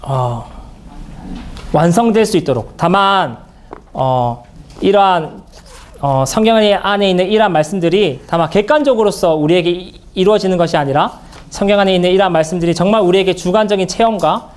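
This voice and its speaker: A man speaking at a church Bible seminar in an earnest, halting way, with many fillers and restarts. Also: high voice.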